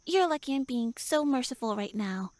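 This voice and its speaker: In a high, slightly mellow voice with no echo, a woman plays a small winged elf who's a pouty tsundere. The character speaks straight to the listener in this audio drama roleplay, getting flustered, huffy and indignant.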